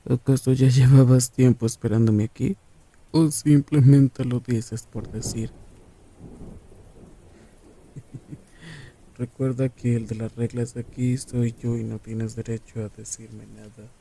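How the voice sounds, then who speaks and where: A man playing a menacing, possessive serial killer lover in an ASMR roleplay, taunting and condescending in a drawn-out way. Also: medium pitch, fairly even intonation, warm tone, slight background noise, lightly acted, low-quality recording.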